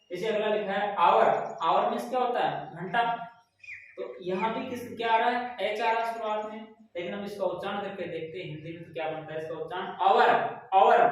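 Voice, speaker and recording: A man explains grammar in a lesson, keeps asking "what comes next?" and giving the answer himself. His voice is fairly high. He is recorded from some distance in a room with strong echo. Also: a little hiss or hum. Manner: repeats questions to students and answers them. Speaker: English teacher. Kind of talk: Hindi-language grammar lesson. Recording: very echoey room, far from mic.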